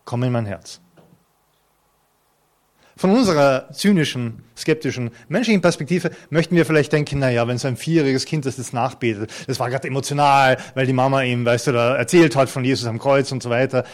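A man's voice: medium pitch, quick pace, hardly any pauses. A man in his fifties preaching an earnest, conversational sermon to a congregation, with touches of light humor. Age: 50s. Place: church hall before a congregation.

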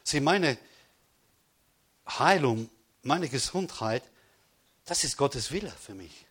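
A man giving a sermon as pastor, emphatic, with repeated calls of praise, swinging between loud declarations and hushed stresses. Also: medium pitch, lively intonation, slow, breathy edge.

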